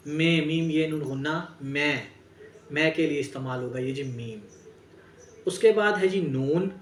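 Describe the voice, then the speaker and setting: A man with a fairly high voice teaches a Braille lesson, spelling out each word letter by letter and addressing his students directly. A distant mic in an echoey room captures him, with a little hiss or hum.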